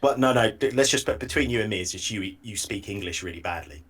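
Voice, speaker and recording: A low-pitched man with a husky voice co-hosts a podcast, trading wry, deadpan remarks in relaxed chat. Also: quick pace. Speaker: podcast co-host. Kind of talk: casual chat.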